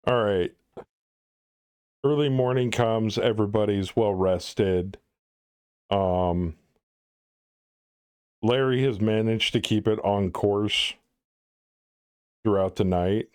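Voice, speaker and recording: Slow, laid-back game master man. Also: on the low side, darkish tone, smooth, dry recording. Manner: laid-back, halting with fillers. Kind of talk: narrating a tabletop game.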